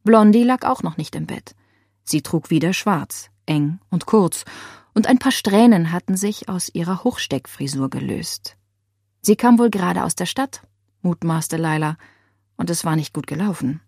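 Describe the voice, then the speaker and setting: A woman narrating a thriller audiobook in an even, tense storytelling voice. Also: on the low side, normal speed, vocal fry, breathy edge, no room sound, clean studio sound. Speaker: audiobook reader.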